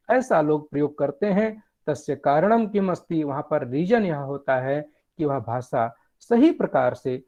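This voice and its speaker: A man giving a lecture, explaining step by step with animated emphasis. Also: fairly high pitch. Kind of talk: academic lecture.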